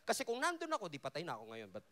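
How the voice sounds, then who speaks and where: Animated high-voiced preacher man. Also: very fast. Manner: animated preaching, drops low and soft for quoted lines, jokes with the crowd. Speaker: pastor. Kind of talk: Taglish sermon at a worship festival. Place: large hall at a worship event.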